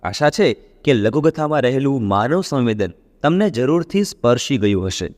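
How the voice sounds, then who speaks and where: A male radio host reading a short story aloud in a measured storytelling manner. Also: mid-range voice, expressive, darkish tone, in a large hall.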